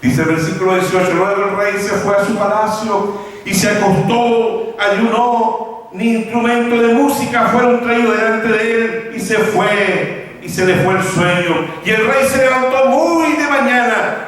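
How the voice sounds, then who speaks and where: A man preaching a sermon as pastor, his voice sweeping up and down in pitch. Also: measured pace, fairly bright tone. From Chile. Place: large church hall. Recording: echoey church hall, mic far off.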